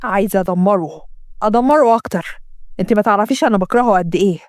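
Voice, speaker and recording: A woman's voice: medium pitch, rapid-fire, darkish tone, no echo, studio quality, natural voice. A woman with an Egyptian accent voicing a bitter, jealous male villain who speaks in a spiteful, menacing way. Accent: Egyptian Arabic.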